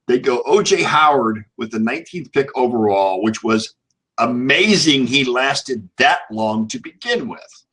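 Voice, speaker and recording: A man hosting casual sports talk in a halting way, often repeating words as he goes. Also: mid-range voice, animated, a bit bright, slightly rough, poor audio. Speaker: sports show host.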